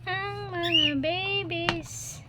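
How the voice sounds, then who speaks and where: A woman casually narrating a home video of her pet birds, speaking softly and then calling to them in a high, sing-song coaxing voice. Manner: slow, soft commentary turning into high sing-song coaxing toward pets. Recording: loud background noise.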